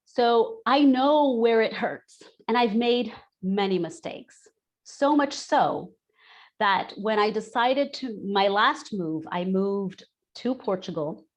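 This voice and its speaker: A Brazilian expat coach in her forties gives a candid, chatty webinar presentation over a video call, often restating her points. Her voice is mid-range and her pace slow.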